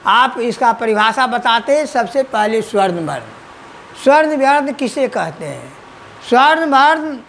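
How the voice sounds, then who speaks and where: Male teacher, slow and repetitive drilling delivery, faint background hiss. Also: very high-pitched, fairly bright tone. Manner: slow, repeats questions and answers for students. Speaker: school teacher. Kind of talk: online grammar lesson.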